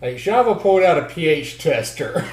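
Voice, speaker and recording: A man's voice: on the high side, expressive, moderate pace, a little mellow, echoey room. A man playing a tabletop game who jokes and teases the others. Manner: joking, teasing. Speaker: player. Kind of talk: casual tabletop game chat.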